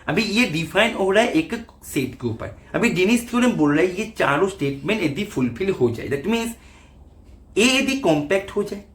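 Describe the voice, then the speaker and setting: Lively high-voiced man teaching maths. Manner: talks students through each step with questions and answers. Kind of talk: online exam-prep lecture.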